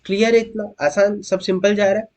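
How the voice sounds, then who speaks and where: A man's voice: sits high, flat delivery, darkish tone. A man teaching as a young chemistry tutor. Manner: coaxing students with questions, calls them beta; slows down to spell out formulas. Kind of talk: online lecture, explaining at a board.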